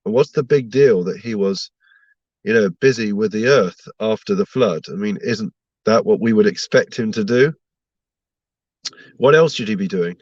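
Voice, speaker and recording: Sounding blocked up with a mild cold, this rabbi gives viewers an online Torah lesson built around rhetorical questions. His voice is fairly low and darkish, moving at a normal pace. There's no room sound, though the audio comes across dull.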